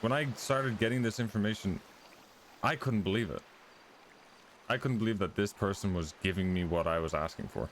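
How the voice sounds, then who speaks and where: Man, very deep voice, in-character roleplay, club member, blunt, profane, faint crickets behind. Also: moderate pace, slight background noise.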